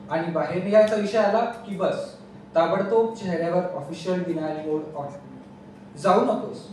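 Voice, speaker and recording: A man's voice: high-pitched, darkish tone. A young man reciting a humorous poem at a student event, with a teasing, mock-exasperated delivery. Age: young adult. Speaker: student poet. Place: large echoey hall on stage. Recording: echoey hall from far off, faint noise.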